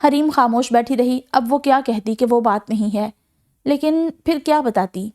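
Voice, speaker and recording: A woman narrating a novel as an audiobook, with a steady, even storytelling manner. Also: a little high.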